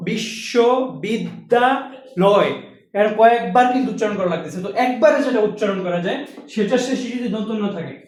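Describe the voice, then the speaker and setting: A man with a high voice teaches at a quick clip, putting questions to his students and sounding out example words one by one. The room is very echoey, and a faint noise sits under his voice. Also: darkish tone, recorded from a distance. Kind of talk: Bengali pronunciation lesson.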